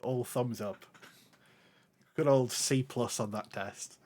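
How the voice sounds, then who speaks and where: A man narrates a tabletop game as its game master. His pitch is middling and his pace slow. He is informal and halting, feeling his way through descriptions. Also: steady tone, a little mellow.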